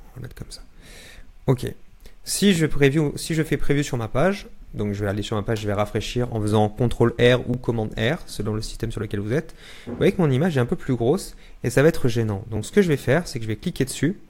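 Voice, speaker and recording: A young man teaching a software tutorial, explaining each step aloud in a relaxed way while he works on screen. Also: mid-range voice. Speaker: no-code tutorial instructor.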